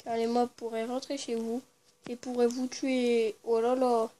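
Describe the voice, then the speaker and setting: Woman gamer, high pitch, casual play-by-play, murmurs then sudden startled cries, cusses freely. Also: level tone, a little slow, dark tone. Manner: muttering low, then bursting into startled shrieks and swearing; chatty with viewers, talks to the game creatures. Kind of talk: casual game commentary.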